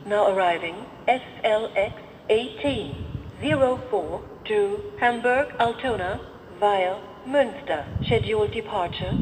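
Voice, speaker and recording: A woman delivers a flat platform announcement in a slow, automated-sounding voice. Her phrasing is measured and broken into segments, and there is clear noise around it, as on a station public-address recording. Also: mid-range voice, in a large hall.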